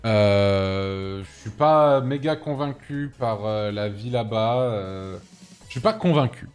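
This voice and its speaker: A man in his thirties hosting a casual chat, playful and quick to protest loudly when teased. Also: on the low side, smooth, soft background music. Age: 30s. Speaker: host. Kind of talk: casual chat ranking cities.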